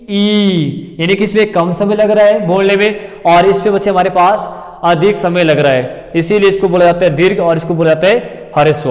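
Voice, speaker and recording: A male coaching teacher explains grammar to exam students a fairly high voice. He repeats points, calls his students kids and checks often whether they follow. The recording has a long, lingering reverb. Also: a little mellow.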